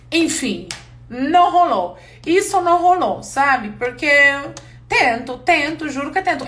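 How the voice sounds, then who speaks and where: Candid woman teacher, high voice, non-native Portuguese speaker, chatty live class. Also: a bit bright. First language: not Portuguese. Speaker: English teacher.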